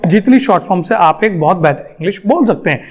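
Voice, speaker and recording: A young Indian man gives an English lesson aimed at Hindi speakers. His voice sits high, and he walks through each example patiently, repeating the sentences and checking in with "right?" as he goes. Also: lively intonation, quick pace. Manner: explains step by step, repeats example sentences, often asks "right?". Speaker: English teacher.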